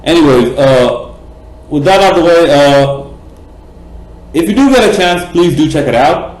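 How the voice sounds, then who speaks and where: A man's voice: a little high, expressive, a little slow. A man from Bangladesh ranting passionately in a cricket vlog, rambling with many fillers and restarts, blunt and profane. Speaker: cricket vlogger. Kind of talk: opinionated vlog rant. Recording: echoey room.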